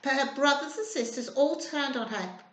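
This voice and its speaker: A children's storyteller reads a picture book with feeling to young kids, asking them simple questions along the way. Her voice is high-pitched and a bit bright, her pace moderate, and the room sounds echoey.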